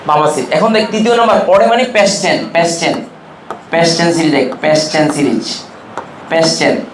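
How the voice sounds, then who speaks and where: A man's voice: a little high, a little slow, slight background noise. Man drilling chemistry mnemonics, echoey room. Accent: Chittagong Bengali. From Bangladesh. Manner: drills students with call-and-response questions and mnemonics. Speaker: chemistry teacher. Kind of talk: classroom lecture.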